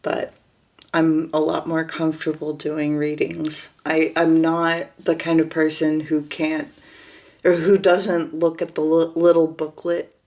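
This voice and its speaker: Her voice is low, slow, and flatly monotone, barely rising or falling as she casually tells her viewers who she is. Fillers, restarts, and frequent hesitation mark her speech.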